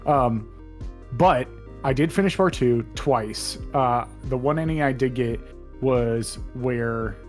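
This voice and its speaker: A man's voice: medium pitch, slow, soft background music. A young man in casual chat with his brother, rambling as he retells scenes from a game. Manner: rambling, retells scenes with put-on voices and laughs. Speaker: co-host.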